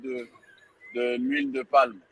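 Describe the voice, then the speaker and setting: A man with a mid-pitched voice answers during a language class. He speaks haltingly, repeating words as he searches for them, and a faint noise sits behind him. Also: level tone, poor audio. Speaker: student. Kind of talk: practicing phrases in a lesson.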